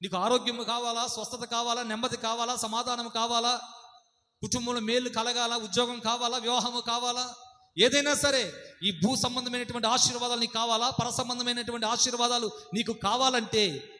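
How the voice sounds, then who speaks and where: A man's voice: very high-pitched, level tone, brisk, sharp tone. A man preaching a sermon with a Telugu accent, fervent and asking the congregation question after question. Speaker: pastor. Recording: long hall reverb.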